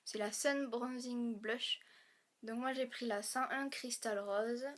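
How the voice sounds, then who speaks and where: A young woman from France with a lilt, talking through a makeup haul in a chatty, stop-start way. Her voice sits a touch high and is fraying, as if she is losing it, with the odd throat clear. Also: steady tone, fairly bright tone. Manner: chatty, halting, many fillers and restarts. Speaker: beauty vlogger. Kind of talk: casual haul vlog.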